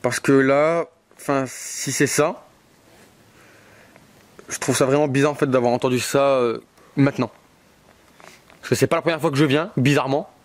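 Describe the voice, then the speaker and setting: A man's voice: mid-range voice, fairly even intonation, moderate pace, long pauses, no room sound. A man exploring an abandoned brickworks, anxious and hesitant, thinking aloud with many fillers. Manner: raises voice to call out to spirits. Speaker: ghost hunter vlogger. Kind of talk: solo paranormal investigation vlog. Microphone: headphones on, portable recorder.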